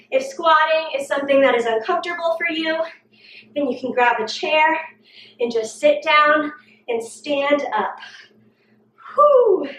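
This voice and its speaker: A woman's voice: high-pitched, fairly bright tone, slight background noise. Breathless woman coaching a workout. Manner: coaching, encouraging, breathy exclamations between cues. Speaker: fitness instructor. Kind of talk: workout video instruction. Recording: roomy echo, distant mic.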